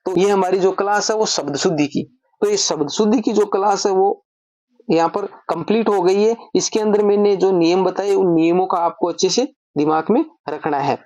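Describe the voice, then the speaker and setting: A woman's voice: mid-range voice, normal speed, warm tone, dry recording. A woman teaching an online grammar lesson, explaining step by step and asking and answering her own questions.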